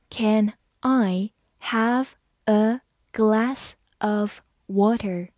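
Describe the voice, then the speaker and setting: Woman teacher going over english words, slow and careful, spells them out, dry close sound. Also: medium pitch, dry recording. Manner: spells words letter by letter and reads example sentences very slowly. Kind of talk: scripted vocabulary lesson.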